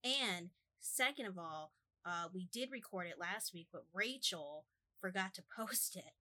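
A woman's voice: fairly low pitch, lively intonation, bright, forceful tone, dry recording. A woman co-hosting a casual podcast, teasing her co-hosts. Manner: teasing, brisk. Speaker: podcast co-host, bookstore staff.

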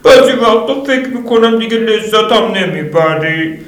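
Man putting on a shrill, furious foul-mouthed woman. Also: expressive. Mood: angry, demanding. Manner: shrill, yelling insults. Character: foul-mouthed hot-tempered lustful woman. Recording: roomy, distant mic.

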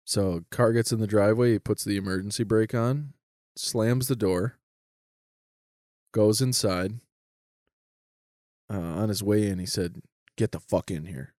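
A man telling a personal story in casual chat, animated, with many "like"s and frequent laughs. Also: lowish voice, a little slow, pauses often, no echo, studio quality. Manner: animated, lots of "like", laughs often.

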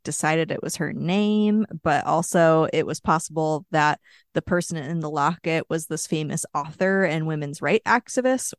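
A woman with a very low voice tells a history story in a loose, chatty way, full of "like" and "uh" and small wry jokes. The sound is dry and close to the mic, with no room around it. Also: dry recording. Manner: chatty, storytelling with many fillers and asides. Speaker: podcast co-host. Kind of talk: casual chat.

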